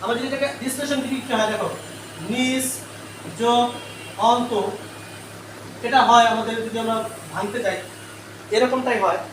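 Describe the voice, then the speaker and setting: During a live online grammar lesson, a male teacher with an extremely high pitch talks fast, repeatedly quizzing the class and then answering himself. He's recorded from a distance in an echoey room, away from the mic, with faint noise.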